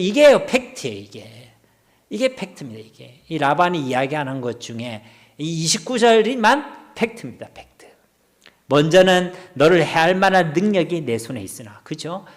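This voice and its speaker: A middle-aged male pastor with a Gyeongsang Korean accent, preaching an expository sermon in a church hall. He asks the congregation questions and drops to near-whispers. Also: a little high.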